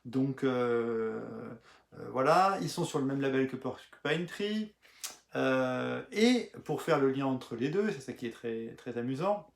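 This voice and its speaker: A man speaking in a casual review, hesitant and full of filler sounds and restarts. His voice has a gravelly, creaky edge. The recording sounds roomy and echoey. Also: mid-range voice, animated, measured pace. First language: French. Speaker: music blogger. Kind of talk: casual spoken album review. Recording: echoey room.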